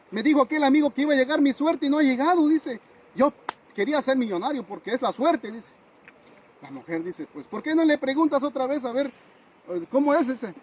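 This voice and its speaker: A man's voice: extremely high pitch, slight background noise, low-quality recording. A man from Mexico telling a folktale in a folksy way, often tagging lines with "dice" and "¿no?". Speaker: storyteller.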